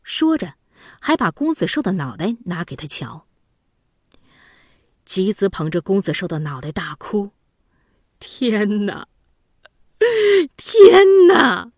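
A woman narrating a classic children's story in an expressive, dramatic way. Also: on the low side, moderate pace, long pauses, husky, no room sound, studio quality.

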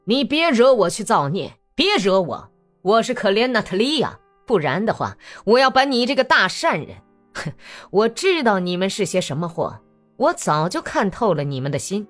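A woman voicing an angry, hot-tempered young male Cossack who sneers and shouts threats. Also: medium pitch, huge pitch swings, normal speed, faint music behind, pitched above the performer's own voice. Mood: furious.

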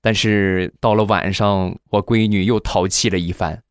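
Guy with a lowish voice telling funny family stories, chatty and playful, very dry sound. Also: fairly even intonation, normal speed, clear, resonant tone, no room sound. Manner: chatty, playful, addresses listeners directly. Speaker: comedy show host. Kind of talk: comedic anecdote storytelling.

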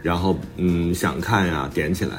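Over soft background music, a man with a low voice speaks at a moderate pace as host and author on a podcast, chatting casually and reflectively about his new book. He teases a little playfully along the way.

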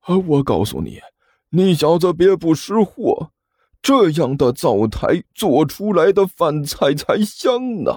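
Brief: a man playing an old master, drawn-out slow speech, stubborn, lively raised pitch. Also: no echo, studio quality, full character voice. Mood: sentimental, insistent. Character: older male master, sentimental and stubborn.

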